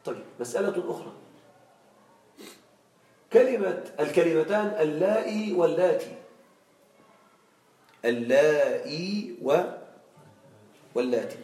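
A male teacher giving a classroom grammar lesson, regularly checking understanding with quick questions to his students. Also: on the high side, darkish tone. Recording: echoey room, far from mic.

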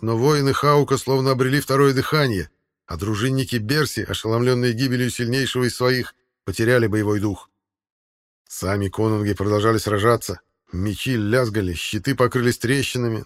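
A man reading an audiobook in a steady, measured way. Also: mid-range voice. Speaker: audiobook narrator. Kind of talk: scripted audiobook narration.

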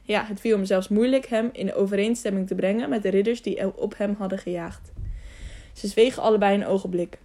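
A woman narrating a children's adventure audiobook in a calm, even way, with the odd slip. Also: mid-range voice, brisk. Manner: calm, even storytelling with small slips.

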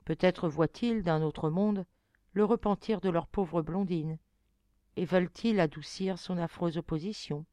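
A woman's voice: mid-range voice, normal speed, darkish tone, dry recording, lightly acted. A woman voicing a grieving, remorseful young girl in an audiobook, pleading and tearful in a raised voice. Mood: tender sad. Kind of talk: audiobook reading.

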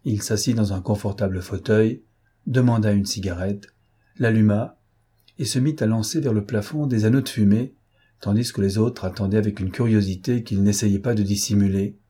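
A man reading a classic novel aloud as an audiobook narrator in a measured storytelling manner. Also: fairly low pitch, fairly even intonation, warm tone, breathy edge. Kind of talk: scripted literary narration.

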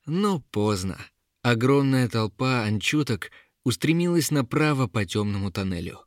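A man narrating a fantasy tale in a steady, dramatic storytelling voice. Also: medium pitch, normal speed, dry recording, clean studio sound.

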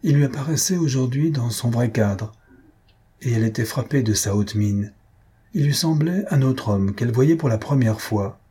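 A man reading a novel aloud in even, measured scripted narration. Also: mid-range voice, husky. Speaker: audiobook reader.

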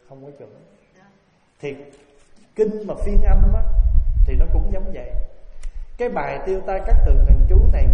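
A man, a Buddhist monk giving a folksy, humorous dharma talk with rhetorical questions. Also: sits high. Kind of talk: sermon. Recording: echoey hall, dull, noisy recording.

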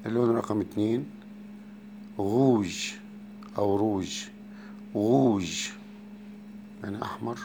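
Egyptian male teacher, low-pitched, patient word-by-word delivery, faint hiss behind. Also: warm tone. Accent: Egyptian Arabic. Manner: repeats each word slowly and carefully. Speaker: French teacher. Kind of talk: spoken lesson.

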